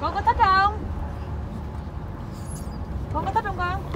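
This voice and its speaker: A woman's voice: very high voice, fairly even intonation, slow, muffled recording, background noise. A mother with a Southern Vietnamese accent, chatting playfully to her toddler and to viewers, teasing and slipping in English words. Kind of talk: casual home video chat.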